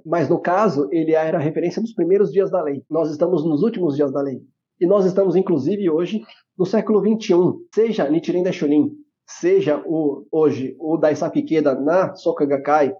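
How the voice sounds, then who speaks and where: A man's voice: fairly high pitch, dark tone, highs cut off. A man co-hosting a podcast who explains points in a teacherly way, asking rhetorical questions and tagging lines with "né?". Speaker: podcast co-host. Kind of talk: explanatory casual talk.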